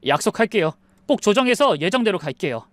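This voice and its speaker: A woman's voice: medium pitch, very animated, brisk, no echo, close to an everyday voice. A woman voicing an earnest young husband who speaks politely and pleads, in a dry recording.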